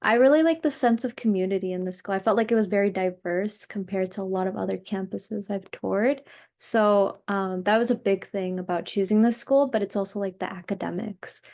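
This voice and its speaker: A woman's voice: mid-range voice, fairly quick. A teenage girl from New Jersey answering panel questions casually, with many "like"s. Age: teens. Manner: relaxed, many "like"s. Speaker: student panelist.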